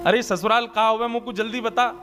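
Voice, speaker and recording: A man's voice: very high-pitched, fairly even intonation, fairly quick, long reverb tail, voice pushed up. A man voicing the child Krishna, a small, stubborn, eager boy who pleads insistently, in a devotional story, over flute music. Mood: pleading. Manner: insistent whining pleas.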